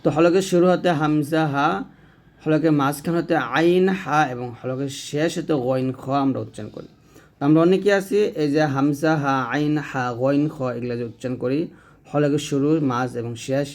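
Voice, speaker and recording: A man, teaching a recitation lesson slowly and drawing out sounds to demonstrate them. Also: a little high, steady tone, a little mellow. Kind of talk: explanatory lesson.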